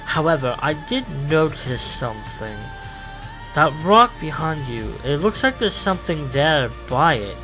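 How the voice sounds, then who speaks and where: Man playing the Doctor, very bright, halting delivery. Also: a little high, sing-song, faint music behind, exaggerated voice, poor audio. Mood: curious. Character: the Doctor, male time-travelling alien guide, curious and protective. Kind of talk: improvised sci-fi roleplay.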